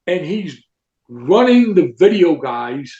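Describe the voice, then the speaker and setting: An older man, a retired football coach, telling rambling, animated stories in a podcast interview and tagging lines with "right?" and "okay?". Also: a little high, slow. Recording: echoey room, dull lo-fi sound.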